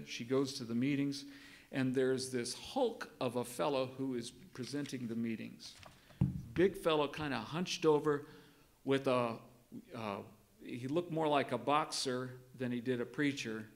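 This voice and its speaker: A man giving a sermon in a church, telling a story in a conversational way and reading quoted passages from a book. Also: mid-range voice. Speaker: preacher. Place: church sanctuary.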